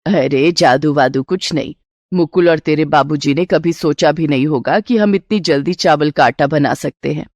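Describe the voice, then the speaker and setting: A resourceful middle-aged mother-in-law from an animated storybook, as a woman voices her. She speaks lower and steady, calm and motherly, with a matter-of-fact way of handling every problem. The sound is dry and close. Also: moderate pace, no echo. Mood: reassuring. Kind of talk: storybook character voice.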